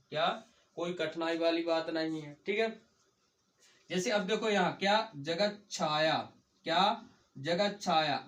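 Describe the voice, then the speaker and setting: A man's voice: high voice, fairly bright tone, far from the mic. A man teaching a grammar lesson. He keeps asking his students short questions, answers them himself, and repeats each point. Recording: echoey room.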